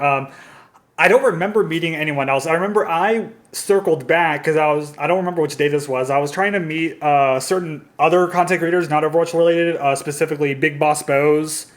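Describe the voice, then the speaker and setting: A man hosting a casual podcast, recalling events in a rambling way with frequent hesitations. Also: a little high. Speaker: podcast host.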